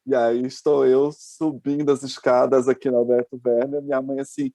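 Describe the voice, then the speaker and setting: A man's voice: medium pitch, level tone, moderate pace, dark tone, dry recording. A male host, telling stories in casual chat and often restarting his sentences. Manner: chatty, hesitant restarts. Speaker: podcast host.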